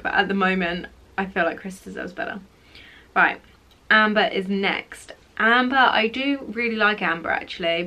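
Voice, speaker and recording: Speaking into a camera mic, a young woman vlogger chats casually in a medium-pitched, bright voice with a forceful tone. Her opinions come through strongly, padded with plenty of fillers.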